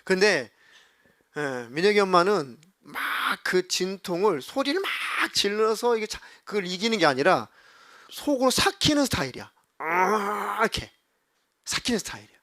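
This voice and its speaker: A man's voice: high-pitched, dry recording, clean studio sound. A middle-aged male pastor giving a youth sermon, telling a story and acting out the people in it, playfully scolding his listeners. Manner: animated, acts out quoted voices, scolds listeners playfully.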